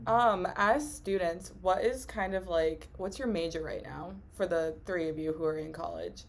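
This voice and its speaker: A woman's voice: fairly low pitch, lively intonation, normal speed, slight background noise. A woman hosting a casual interview podcast, asking questions and giving frequent short acknowledgements. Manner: friendly, lots of listening sounds and short okays. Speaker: podcast host interviewing a band.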